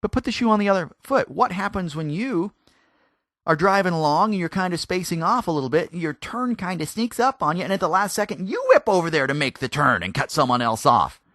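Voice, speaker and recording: A man's voice: sits high, expressive, brisk, a bit bright, no room sound, studio quality. A man teaching a sermon on a Bible passage, talking conversationally and putting questions to his listeners. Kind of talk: expository sermon.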